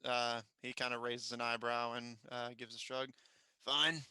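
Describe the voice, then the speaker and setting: Bright, clear-voiced male game master. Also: mid-range voice, completely flat delivery, no room sound. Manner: halting, searching for words mid-phrase. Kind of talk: improvised tabletop game narration.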